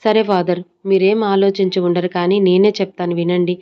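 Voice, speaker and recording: A woman's voice: on the low side, little pitch movement, brisk, clean tone, natural voice. A woman storyteller voicing a cruel young male kidnapper who taunts his victim with false sweetness, on a dull lo-fi recording. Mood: boastful, menacing.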